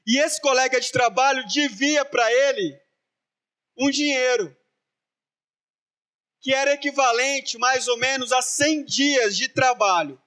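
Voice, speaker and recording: Man, high-pitched, casual storytelling sermon. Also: unhurried, long pauses, bright, forceful tone. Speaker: preacher. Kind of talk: sermon, retelling a parable.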